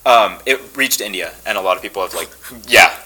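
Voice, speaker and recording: Chatty young man with bright tone. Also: on the low side, brisk, breathy edge, poor audio. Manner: relaxed, chatty, many fillers and restarts. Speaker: podcast guest, actor. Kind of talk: casual podcast conversation.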